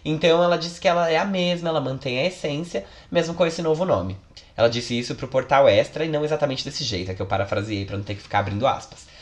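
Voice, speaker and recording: A man's voice: fairly high pitch, fast. A man, co-hosting a casual music podcast and running through new releases with jokey asides. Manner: chatty, reads news with jokey asides. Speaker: podcast co-host.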